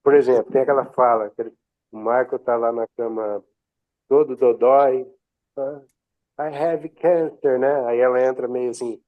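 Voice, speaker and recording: A man's voice: mid-range voice, little pitch movement, normal speed, no echo. A man student putting a question to his teacher in an online class. He hesitates and searches for his words. His voice is dry and tinny, like a phone line.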